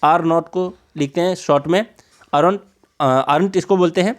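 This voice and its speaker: Indian guy teaching grammar, slightly high voice, talks casual and direct, reads example sentences real slow. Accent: Indian English. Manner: chatty and direct, reads English example sentences slowly and deliberately. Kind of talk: casual Hindi-medium grammar lesson.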